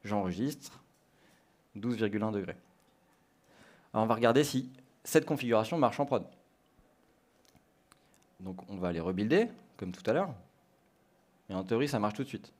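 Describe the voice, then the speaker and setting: A man's voice: on the low side, animated, normal speed, pauses often, darkish tone. A man from France giving a conference talk and walking the audience through a live coding demo, thinking aloud step by step. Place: conference stage.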